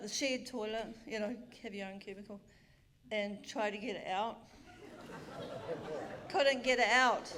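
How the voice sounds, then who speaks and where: A woman's voice: on the high side, fairly bright tone. Bawdy New woman telling a story. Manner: frank, bawdy and self-mocking, with chatty asides. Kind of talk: live comic storytelling. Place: theatre stage.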